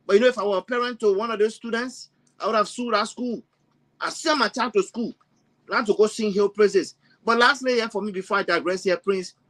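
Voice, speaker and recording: High-voiced emphatic man. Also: sharp tone. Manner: emphatic, repeats words while searching. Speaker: panelist, college teacher. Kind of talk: passionate panel commentary.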